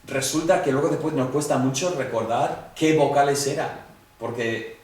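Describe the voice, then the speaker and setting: A man's voice: medium pitch, moderate pace, darkish tone, distant mic. A man teaching a class, talking straight to his students in a conversational way and acting out the dialogue he quotes. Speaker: Greek teacher. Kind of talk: classroom lecture. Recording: echoey room, voice from off the mic.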